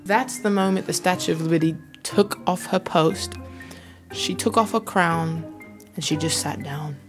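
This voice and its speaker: A woman's voice: lowish voice, unhurried, over music. A woman hosting her own channel, giving playful, joking commentary over basketball footage and slipping into mock slang. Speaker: host analyzing basketball footage.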